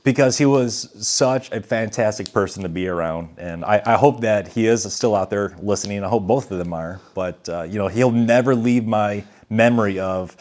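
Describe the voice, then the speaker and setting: Low-voiced man spinning a rambling story. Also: a little mellow. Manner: rambling storyteller, chuckling, swears. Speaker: podcast co-host. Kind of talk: casual chat.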